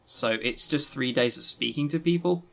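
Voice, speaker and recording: His voice sits a little high and a bit bright, with vocal fry and a moderate pace. As a podcast co-host, he rambles through an opinionated, emphatic, casual review of visual novels.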